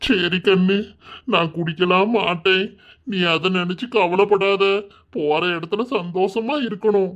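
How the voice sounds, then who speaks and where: A voice actor playing a soft-hearted village father in a cartoon, gentle and soothing, with a Kanyakumari Tamil accent. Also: mid-range voice, steady tone, measured pace, lightly acted. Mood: tender. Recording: dull lo-fi recording.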